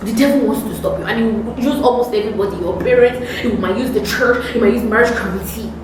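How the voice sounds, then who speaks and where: A Nigerian woman speaks from a little way off the mic in a very echoey room with faint noise. Her pitch is ordinary for a woman. She tells casual, testimony-style stories, leaning on repeated words and voicing the people in them. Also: fast, recorded from a distance. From Ibadan, Nigeria. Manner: expressive, acts out dialogue, emphatic repetition. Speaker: vlogger. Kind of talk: casual personal storytelling with religious testimony.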